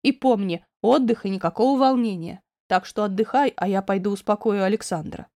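A woman reading as a calm male doctor. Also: mid-range voice, fairly quick, dry recording, clean studio sound, natural voice. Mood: soothing. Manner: gentle, steady, instructive. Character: calm, reassuring male doctor, middle-aged.

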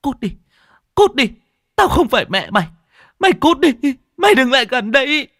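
A vengeful ghost child hisses and drags out its threats in a raspy, creaking voice, as a male narrator puts it on. The voice sits high and husky, crawling along slowly. The recording is close and dry, for a told horror story. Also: sing-song, fairly bright tone, no echo, exaggerated voice. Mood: screaming. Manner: slow, menacing, hissing. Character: vengeful ghost child possessing a young woman.

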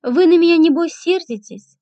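A woman's voice: very high-pitched, normal speed, dark tone, dry recording. A woman voicing a sly, fawning young ex-servant who wheedles, giggles and sighs. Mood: wheedling. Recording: dull lo-fi, dry.

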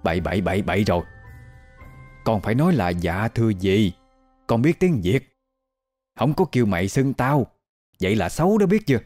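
A man's voice: on the low side, animated, moderate pace, pauses often, darkish tone, faint music behind. A man doing a bossy nosy older auntie. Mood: bossy chatty. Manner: scolding, chatty.

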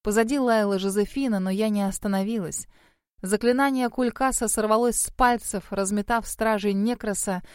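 A woman narrating a fantasy audiobook in the first person with a measured, expressive reading. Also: medium pitch, clean tone, no echo, clean studio sound.

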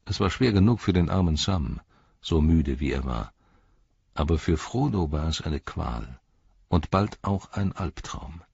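A man narrating an audiobook in a measured, dramatic storytelling manner. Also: very deep voice, animated, gravelly, a little mellow, husky, no echo, highs cut off. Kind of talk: scripted narration.

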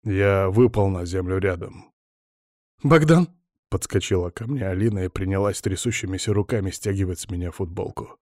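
A man narrating an audiobook in the first person, his own lines low and subdued. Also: fairly even intonation, brisk, dark tone, dry recording. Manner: hoarse, low and subdued in dialogue. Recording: dry, close studio sound.

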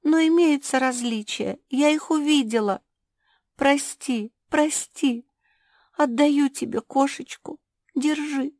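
A woman's voice: high-pitched, slow pace, a little mellow, dry recording, clean studio sound, voice pushed up. A woman voicing a timid young female spitz dog in a children's audiobook, speaking in a trembling, tearful way. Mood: apologetic.

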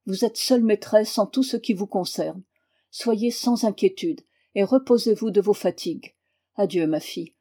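A woman reading aloud as a kindly older father, speaking softly and paternally. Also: medium pitch, moderate pace, breathy edge. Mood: gentle.

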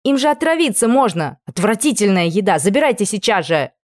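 A spoiled young princess, put on by a woman reading an audiobook throws tantrums in a high, shrill voice. She is bossy and indignant, and the recording is dry and close. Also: animated, normal speed, dry recording, lightly acted. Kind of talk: audiobook character voice.

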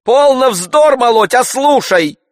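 A man reading an audiobook, voicing an idle, fretful gentleman landowner in exasperated, whining outbursts. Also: medium pitch, measured pace, dry recording, studio quality, long reverb tail, pitched above the performer's own voice.

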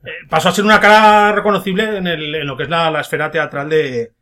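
A man's voice: a little high, steady tone, fast, bright, forceful tone. A man from hosting a casual film podcast, joking as he tells a story and putting on silly voices for quotes. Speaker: podcast host.

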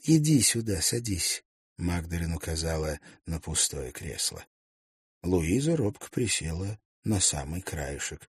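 A man narrating an audiobook in a calm, measured way. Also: extremely low pitch, husky, no room sound.

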